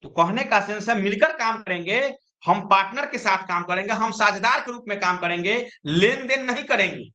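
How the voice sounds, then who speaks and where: Male teacher, high bright voice, quizzes the class as he explains. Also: normal speed. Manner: explains with repeated questions to students. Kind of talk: chemistry lesson.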